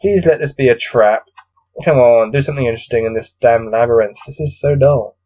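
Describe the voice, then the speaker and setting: With a mid-range voice, a dark tone, and a slightly fast pace, a man reads a gamebook on his own. A cold is coming on, and he interjects spontaneous commentary that's weary, grumbling, and exasperated.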